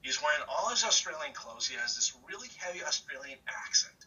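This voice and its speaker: A man from the New recounting a disaster in an emotional first-person account, halting and repeating words as he goes. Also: on the high side, sing-song, bright, forceful tone, far from the mic, dull audio, slight background noise. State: slightly hyperventilating. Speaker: interviewee recalling a disaster.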